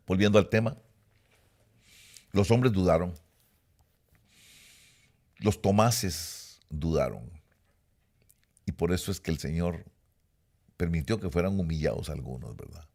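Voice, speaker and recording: A man's voice: sits low, normal speed, long pauses, a little mellow. A middle-aged man preaching a sermon, emphatic and repetitive, speaking straight to his listeners. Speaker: pastor.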